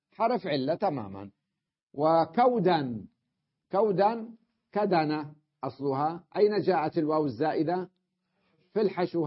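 A man's voice: a little high, slightly rough, highs cut off. A male teacher giving a classroom lesson on Arabic grammar, explaining step by step and often checking that his students follow.

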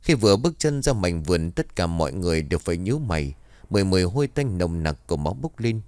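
Low-voiced male horror storyteller. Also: big pitch swings, quick pace, a little mellow, dry recording. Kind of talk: scripted horror story narration.

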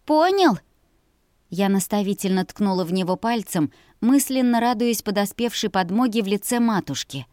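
Woman, expressive first-person audiobook narrator, dry and close. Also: mid-range voice, normal speed, few pauses, dry recording. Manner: lively, expressive dialogue, exclamatory.

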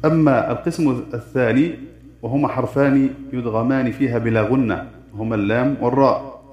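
A man teaching the rules of Quran recitation, chanting verses of a poem and then explaining them in measured, formal tones. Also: medium pitch. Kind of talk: lesson explaining a didactic poem. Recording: dull echoey room recording.

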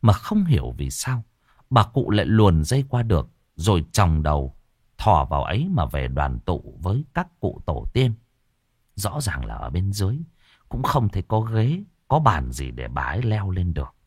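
A man narrating a ghost story in a dramatic, expressive way. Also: sits low, moderate pace, slightly rough, no echo, studio quality.

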